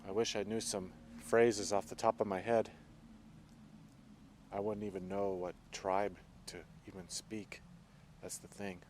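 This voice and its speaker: A man filming himself outdoors in the woods on a handheld camera, talking nervously, dropping to whispers and then calling out loudly. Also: lowish voice, flat delivery, measured pace, long pauses, slight background noise. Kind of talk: handheld found-footage commentary.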